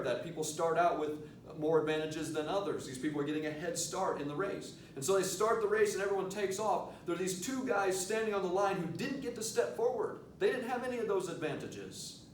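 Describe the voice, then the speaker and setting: Man, motivational lecturer, earnest, emphatic, rhetorical questions, distant mic, faint rumbling noise. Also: brisk, few pauses, roomy sound. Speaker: motivational speaker, teacher addressing students.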